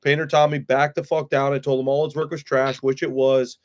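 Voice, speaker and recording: A man's voice: medium pitch, level tone, brisk. A man hosting a casual live chat with friends, talking bluntly and swearing freely. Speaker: streamer host. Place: room with friends.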